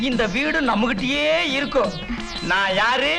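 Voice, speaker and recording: A scheming village trickster in a Tamil film comedy. His high, piercing voice and loud, broad delivery carry over a bed of film music. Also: a little slow, gravelly, heavily acted. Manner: loud, exaggerated comic delivery. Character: scheming comic village man, boastful and cunning. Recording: film soundtrack with music behind.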